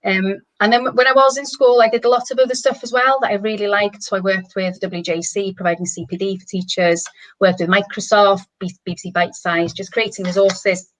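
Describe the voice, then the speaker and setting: A middle-aged woman, a managing director and native Welsh speaker with a Welsh accent, joins a casual online panel as a guest. She talks enthusiastically and briskly in long, flowing runs, her medium-pitched voice steady. The recording quality is rough.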